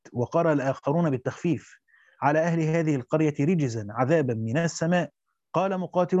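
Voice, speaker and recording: A man with a slightly high but dark, mellow voice reads classical text at a brisk clip, breaking off into loose colloquial explanations. The sound is dry and somewhat dull, with no room around it. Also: no room sound. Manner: reads quickly in classical Arabic, then breaks into colloquial asides with restarts. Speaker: teacher reading through a Quran commentary. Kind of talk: reading a classical text aloud with spoken asides.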